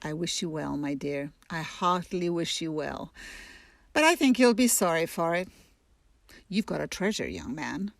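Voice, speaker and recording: A woman playing a sharp, imperious but secretly tender old rich aunt in an audio drama. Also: deep voice, expressive, normal speed, vocal fry. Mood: grudging, stern. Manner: imperious, scolding.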